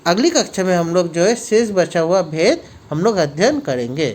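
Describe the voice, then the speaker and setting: A man teaching a school grammar lesson to children, patient and repetitive, reading examples out slowly with frequent filler phrases. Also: sits high, big pitch swings, a little mellow.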